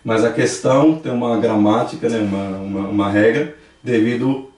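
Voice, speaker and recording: A man's voice: fairly low pitch, fairly even intonation, moderate pace, a little mellow. A man with a Brazilian Portuguese accent teaching a language class, patiently explaining and repeating examples aloud. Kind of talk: classroom lesson. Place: church classroom. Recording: echoey room, distant mic.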